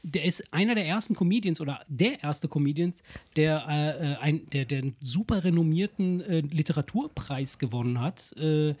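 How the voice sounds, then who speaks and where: A man's voice: a little high, normal speed, darkish tone, husky. A man co-hosting a podcast in casual chat, rambling with many fillers and restarts, swearing casually. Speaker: podcast co-host.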